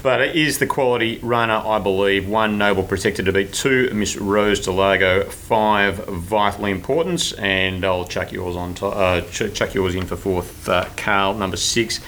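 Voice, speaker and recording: A man's voice: fairly low pitch, moderate pace, few pauses, a bit bright. A man hosting a horse racing preview, talking through tips in a stop-start, hesitant way. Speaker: racing show host. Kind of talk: horse racing tipping talk. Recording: faint background noise.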